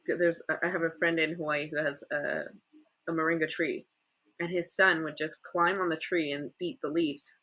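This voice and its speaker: Bright husky-voiced woman host. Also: low-pitched, steady tone, moderate pace. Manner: chatty, laughs often. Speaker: livestream host. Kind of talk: casual livestream chat.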